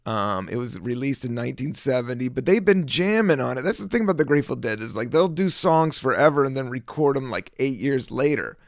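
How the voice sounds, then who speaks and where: Chill guy rambling on his podcast, gravelly voice, dry close sound, lots of ums. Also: mid-range voice, expressive, a little fast, few pauses, no room sound. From American South. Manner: rambling, laid-back, many fillers, laughs and sings snippets. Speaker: podcast host. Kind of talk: casual solo podcast chat.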